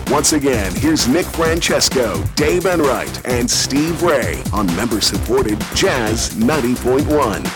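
A man's voice: medium pitch, very animated, unhurried, hardly any pauses. A man reading a scripted radio promo as station announcer. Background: loud music bed.

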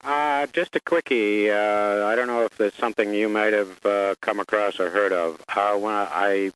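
A man's voice: on the low side, steady tone, moderate pace, fairly bright tone, smooth, poor audio. A man calling in to a radio show, asking a hesitant, polite question.

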